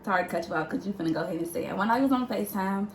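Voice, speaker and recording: A woman's voice: mid-range voice, racing. A young woman tells her side of the story in a candid, teasing, casual way. Her voice rings in a roomy space, with a faint hiss behind it. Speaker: vlog co-host.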